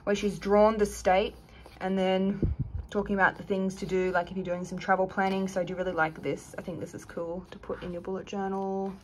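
A woman's voice: mid-range voice, level tone, fairly quick, a little hiss or hum. A woman giving a casual review with frank, chatty opinions that she often hedges. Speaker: planner reviewer.

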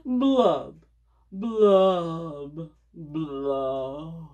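A woman voicing a gloomy, pouting male fish in a storybook, in a slow, mopey sing-song chant. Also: deep voice, dark tone, full character voice.

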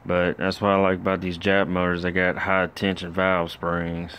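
This is casual how-to commentary from a middle-aged man rebuilding an engine at home, filmed on a handheld phone, as he talks through each step plainly with many fillers. The low voice is delivered completely flat at a moderate pace, sounding a bit bright, with slight background noise.

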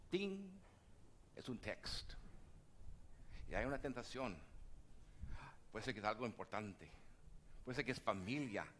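A priest speaks at Mass in a church. His voice sits at a medium pitch. He reads the Gospel, then preaches in a loose, conversational way, with restarts and acted-out asides. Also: pushed and bright, a little hiss or hum. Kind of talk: Mass reading and homily.

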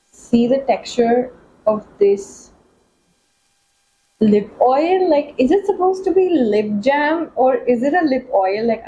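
A woman talking through a makeup tutorial as a beauty vlogger, chatty and excitable, with many fillers. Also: a little high, a little hiss or hum, poor audio. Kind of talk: casual makeup tutorial chat.

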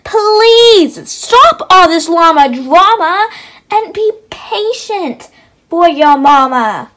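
A woman puts on a mother llama from a picture book, firm and loving as she scolds her fussing little one. The voice rises high and loud in a sing-song, slow and deliberate. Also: animated, exaggerated voice. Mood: scolding.

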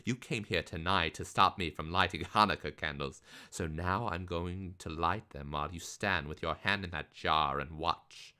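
A man's voice: deep voice, normal speed, hardly any pauses, pushed and bright, smooth. A man voicing a clever, bold folk hero who talks in a confident, teasing way.

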